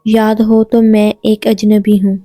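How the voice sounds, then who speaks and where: A woman voicing a quiet, sensitive young man of few words, heartbroken over a past love. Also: mid-range voice, monotone, no room sound, faint music behind, lightly acted. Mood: reserved.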